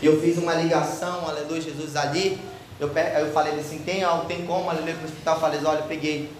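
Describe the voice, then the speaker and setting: A man's voice: a little high, flat delivery, fast talker, slight background noise. A Brazilian man giving a fervent Pentecostal testimony sermon, peppered with hallelujahs and bursts of speaking in tongues. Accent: Brazilian Portuguese. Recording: very echoey church hall from far off, music behind.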